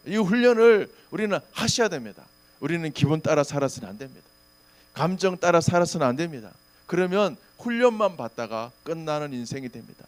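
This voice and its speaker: Middle-aged guy pastor preaching, kinda high voice, swoops all over, faint hum behind. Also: fairly quick. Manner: animated storytelling, acting out shouted quotes. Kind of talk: sermon.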